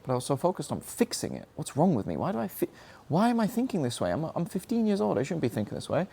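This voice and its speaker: With a fairly high, creaky voice that swings hugely in pitch, a young man speaks quickly, his tone warm with a breathy edge. He shares personal reflections in an earnest, searching motivational monologue about his struggles, frequently asking himself questions.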